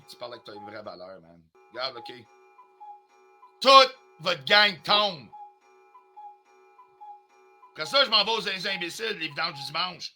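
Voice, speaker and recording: A man's voice: a little high, bright, forceful tone. A man with a Quebec French accent ranting on a live stream, confrontational and heated, swearing often and dropping in English phrases. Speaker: livestreamer.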